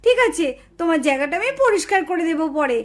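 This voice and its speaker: A woman voicing an unwell, meek mother in a doll show, speaking softly and apologizing. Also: extremely high pitch, expressive, quick pace, pitched below the performer's own voice. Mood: apologetic. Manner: soft, apologetic, pleading.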